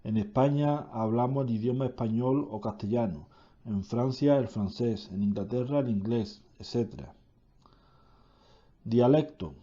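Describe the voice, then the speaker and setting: Guy reading grammar notes real slow, fixes his slips, muffled low-fi sound. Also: warm tone. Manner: slow, deliberate reading with self-corrections. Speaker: teacher reading a grammar lesson. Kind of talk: reading a grammar lesson aloud.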